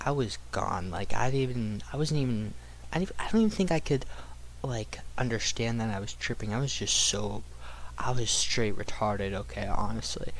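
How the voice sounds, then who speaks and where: Rambling young man over background noise. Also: mid-range voice. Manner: rambling, slangy, swearing. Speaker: storyteller. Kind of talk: casual personal anecdote.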